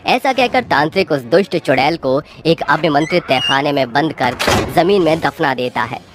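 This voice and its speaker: A woman narrating a cartoon story with a steady storytelling delivery. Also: deep voice, moderate pace, very noisy.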